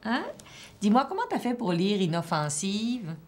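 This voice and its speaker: A woman's voice: mid-range voice, very animated, moderate pace, a little hiss or hum. A woman teacher, patiently questioning and encouraging a child during a one-on-one reading assessment.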